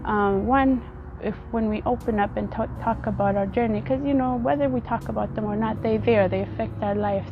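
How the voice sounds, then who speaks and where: A woman from Ethiopia, vlogging outdoors in an earnest, halting way and often repeating her words. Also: medium pitch, gravelly, lo-fi sound. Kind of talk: casual personal vlog talk.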